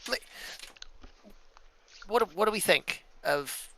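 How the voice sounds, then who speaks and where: Bright, gravelly-voiced man player. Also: high-pitched, expressive, a little hiss or hum. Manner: joking, halting restarts. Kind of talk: casual tabletop game chat.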